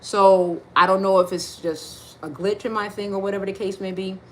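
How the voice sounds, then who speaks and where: A woman's voice: medium pitch, steady tone, moderate pace. A woman hosting a spiritual live stream, talking casually and rambling with lots of fillers. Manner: rambling, filler-heavy, loose and informal. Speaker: spiritual livestream host.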